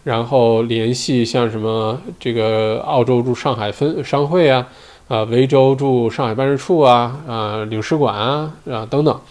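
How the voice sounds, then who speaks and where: A man's voice: mid-range voice, steady tone, a little slow, a little mellow. A man hosting his own solo show, talking casually in a rambling way with many fillers and tag questions. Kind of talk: casual commentary monologue.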